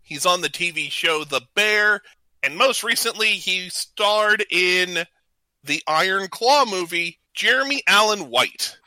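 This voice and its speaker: A man hosts a trivia game on a casual talk show as a podcast host, speaking informally and hesitating slightly when he ad-libs. His voice sits high and is expressive, slow, and sharp. The recording is rough, with no room sound.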